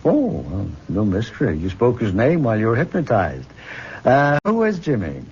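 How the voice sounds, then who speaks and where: A mid-range male voice with huge pitch swings, slightly mellow and husky, delivers a full character performance of a condescending, possessive middle-aged professor-hypnotist. In this old-time radio drama he coaxes deliberately and probes jealously, all on a muffled, noisy old recording.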